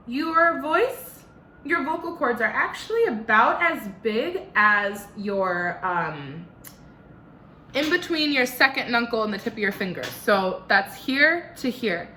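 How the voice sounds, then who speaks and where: A woman's voice: fairly high pitch, sing-song, a little slow, pushed and bright, reverberant, slight background noise. A young woman with a slight lisp teaching an online singing lesson from her living room, giving step-by-step instructions.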